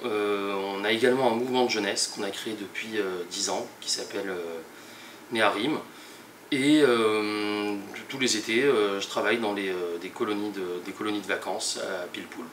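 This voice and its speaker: A young man, a teacher, presenting a project in a halting way with many pauses and restarts. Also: fairly low pitch, a bit bright, slight background noise. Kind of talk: hesitant spoken presentation. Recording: echoey room, mic at a distance.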